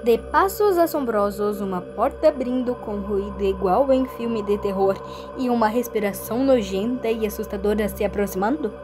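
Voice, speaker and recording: A woman's voice: medium pitch, normal speed, over music, natural voice. A woman playing a pedantic, brainy child who is nervous beneath the logic, precise and know-it-all, in a children's horror audio drama.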